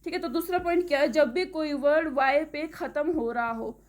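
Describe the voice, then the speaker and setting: A woman teaching English pronunciation, who explains step by step, checks in with the class often and spells words out slowly letter by letter. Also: high-pitched. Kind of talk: classroom-style lesson.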